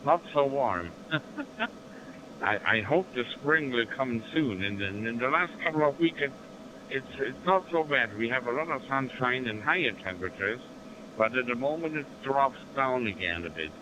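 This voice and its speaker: A man's voice: medium pitch, animated, normal speed. A man with a German accent, making amateur radio small talk in formulaic operator phrasing over a crackly link. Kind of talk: amateur radio contact chat. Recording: noisy radio link, background hum.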